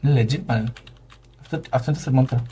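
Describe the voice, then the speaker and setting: A man's voice: medium pitch, heavy background noise. A man streaming a ghost-hunting game, chatting casually with a friend, jumpy and swearing constantly. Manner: jumpy, swears constantly, yelps when startled. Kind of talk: casual gaming chat with a friend.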